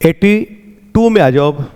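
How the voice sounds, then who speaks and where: A man going through exam answers as a teacher, slowly explaining and repeating words to drill pronunciation. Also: fairly high pitch, expressive, darkish tone, clear, resonant tone, big-room sound. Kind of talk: exam answer walkthrough lesson.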